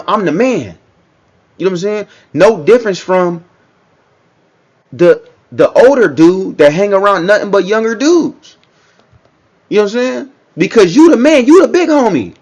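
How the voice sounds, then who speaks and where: A man's voice: high-pitched, darkish tone. A man giving casual reaction commentary, talking in a loose, repetitive way and often checking in with the listener. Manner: conversational, repeats himself, frequent "you know what I'm saying".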